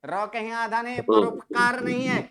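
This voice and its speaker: A teacher giving a classroom grammar lecture, constantly quizzing students and slowly repeating their answers back. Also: medium pitch, level tone, vocal fry, over a noisy crowd.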